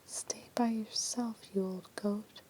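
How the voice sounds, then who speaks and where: A woman playing a scornful, defiant woman in hushed, emphatic whispered role-play from a scary story. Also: medium pitch, steady tone, slow pace, a little hiss or hum, lightly acted. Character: defiant, scornful woman hollering insults back in the dark.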